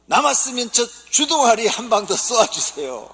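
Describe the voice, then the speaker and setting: A man doing a shrill exasperated sparrow husband. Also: big pitch swings, normal speed, sharp tone, breathy edge, in a large hall, exaggerated voice. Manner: shrill, pleading for the shot.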